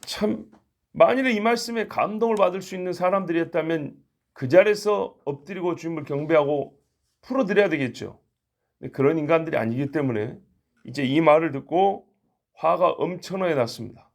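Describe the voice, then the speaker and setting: A man's voice: on the high side, a little fast, gravelly. A man preaching a sermon as pastor, conversational and acting out the quoted lines.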